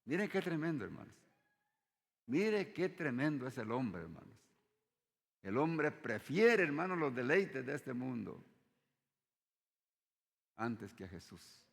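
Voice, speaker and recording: A man preaching a sermon, often addressing the congregation as brothers and dropping his voice low at the end of phrases. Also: very animated, takes it slowly, creaky, long pauses, husky. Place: church hall. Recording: long hall reverb.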